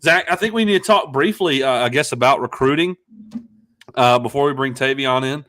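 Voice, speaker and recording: Male host, loose and halting, fillers throughout, average pitch. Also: fairly bright tone. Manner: halting, many fillers and restarts. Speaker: podcast host. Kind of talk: casual live-stream chat.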